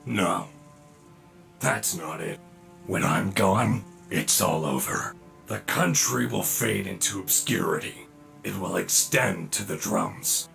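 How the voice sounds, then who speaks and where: Menacing, gravelly machine-bodied male villain. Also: low-pitched, lively intonation, takes it slowly, a bit bright, soft background music, heavily acted. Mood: bitter, resigned. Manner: menacing, theatrical, sneering. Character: ruthless, bitter villain, wrecked human inside a defective machine body. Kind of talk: dramatic video game character acting.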